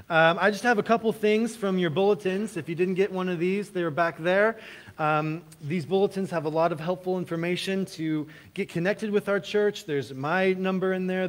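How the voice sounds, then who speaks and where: A man, the pastor, giving friendly church announcements in a relaxed way with small fillers. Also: high-pitched, moderate pace. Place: church sanctuary.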